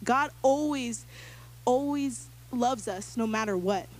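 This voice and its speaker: Animated young woman telling her testimony. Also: fairly high pitch, takes it slowly. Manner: animated storyteller acting out quoted voices; casual, filler-heavy speech. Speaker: church member giving a testimony. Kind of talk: personal testimony to a church group.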